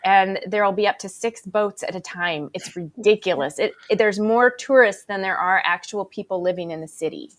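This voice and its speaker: A woman from Southeast Alaska chatting casually. She sounds lively and curious and keeps asking follow-up questions, in a voice of ordinary pitch. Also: normal speed, few pauses. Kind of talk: casual chat.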